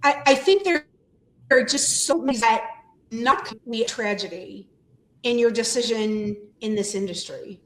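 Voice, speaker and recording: A woman in her sixties speaks earnestly, with a high voice. Her video call audio glitches and warbles. The sound is roomy and echoey. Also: measured pace. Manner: earnest, emphatic. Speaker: guest speaker on leadership. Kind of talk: interview answers.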